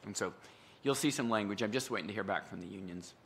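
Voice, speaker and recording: A man serving as council president, explaining an ordinance in a council meeting, halting and hedging as he talks, with the hiccups. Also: lowish voice, creaky, fairly bright tone, a little hiss or hum. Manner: halting, hedging speech with restarts. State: has hiccups.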